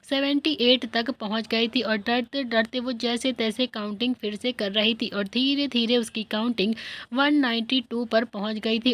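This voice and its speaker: A woman's voice: fairly high pitch, a bit bright. Woman narrating a dramatic family story.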